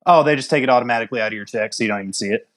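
A man's voice: medium pitch, very fast, fairly bright tone. Blunt, profane man in his thirties. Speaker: army infantry veteran. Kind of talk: casual chat.

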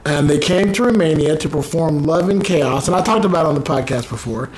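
A man's voice: on the high side, fairly quick, low-quality recording. Casual guy host, lots of uhs and restarts, easygoing chat w/ a guest, light background hiss. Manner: rambling, filler-heavy, playful. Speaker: podcast host. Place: rental apartment.

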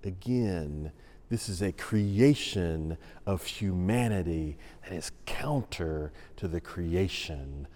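A male pastor preaches slowly and deliberately, his pitch rising and falling widely for emphasis. His tone is mellow and dark. A long reverb from a church sanctuary trails behind every phrase. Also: animated. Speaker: senior pastor. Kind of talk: sermon. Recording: long reverb of a large room.

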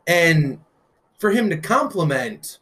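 Excitable man chatting about wrestling. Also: fairly high pitch, slow pace. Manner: excited fan talk with frequent "um" fillers and some cursing. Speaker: podcast co-host. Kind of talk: casual wrestling news chat.

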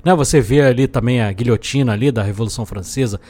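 A man with a Brazilian accent hosts a film podcast, reviewing movies casually in an opinionated, explanatory and colloquial style. He talks quickly in a mid-range, darkish voice over background music.

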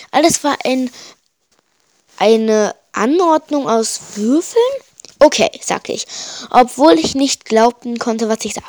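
A woman's voice: fairly high pitch, no echo, studio quality. Young-sounding woman reading a first-person story. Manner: reads with frequent slips and restarts, rising to panicked shouts in dialogue. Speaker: audiobook reader.

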